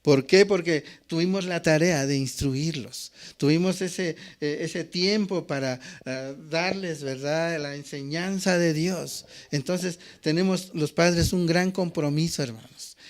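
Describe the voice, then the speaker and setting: A man's voice: on the high side, measured pace, hardly any pauses. An older man with a Mexican Spanish accent preaching a sermon as pastor, repeating phrases and tagging lines with questioning asides. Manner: peppers phrases with questioning "¿verdad?"; repetitive, call-and-response preaching.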